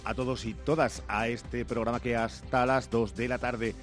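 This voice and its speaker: A man as a slow, synthetic AI radio announcer. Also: medium pitch, fairly even intonation, faint music behind, natural voice. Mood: measured, welcoming. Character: artificial intelligence radio voice greeting listeners. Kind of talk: scripted radio greeting.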